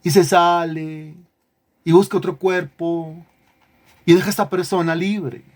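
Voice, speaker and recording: A man's voice: on the high side, steady tone, measured pace, darkish tone. A man preaching a sermon to a congregation, emphatic, repeating phrases and asking questions. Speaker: pastor. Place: church congregation.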